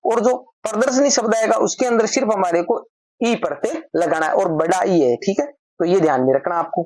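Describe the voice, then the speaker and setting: A male teacher talks through a grammar lesson for exam students, pausing to check in and then moving to the next rule. His voice sits close and dry, with no room sound around it. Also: high-pitched, no echo, poor audio. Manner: steady explaining, often repeats step cues.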